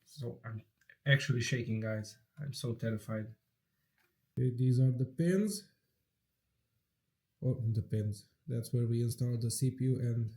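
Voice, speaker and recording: A man talking at an unhurried, drawn-out pace, his voice stuffy and congested from a cold. He narrates a hands-on PC build in a casual, chatty way, nervously excited. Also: mid-range voice. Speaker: PC building vlogger.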